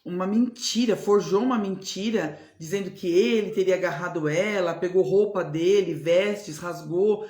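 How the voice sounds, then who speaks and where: A woman's voice: fairly low pitch, moderate pace, few pauses, darkish tone. Earnest Brazilian woman teaching in a roomy space. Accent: Brazilian Portuguese. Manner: earnest, repetitive, tag questions. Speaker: spiritual mentor. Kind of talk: devotional teaching talk. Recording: roomy echo.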